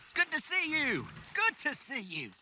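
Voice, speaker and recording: Eccentric old-fashioned balloon pilot for a game, gushing oily courtesy, pitch swooping all over. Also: male voice, wildly swooping pitch, normal speed, slight background noise, full character voice. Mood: effusively polite. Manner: oily, effusive politeness, repeating courtesies. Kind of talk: theatrical game character acting. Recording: loud music over the voice.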